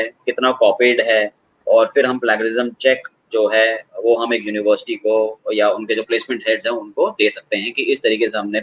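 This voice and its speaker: A man explaining online assessment tools as a guest, in a measured and hesitant way, calling the host sir. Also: medium pitch, a bit bright, highs cut off. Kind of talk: conversational explanation.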